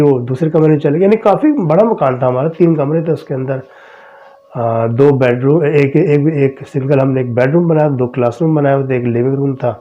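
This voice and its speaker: A middle-aged man hosting a podcast, casually telling his own experiences and retelling conversations with frequent "I said". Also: medium pitch. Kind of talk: casual personal storytelling. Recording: dull lo-fi recording.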